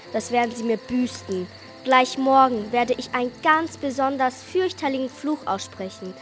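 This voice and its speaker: Wicked, high-voiced old witch. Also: a bit bright. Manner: theatrical, menacing. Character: wicked old witch, vengeful, cunning and bitter. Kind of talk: German audio play for children.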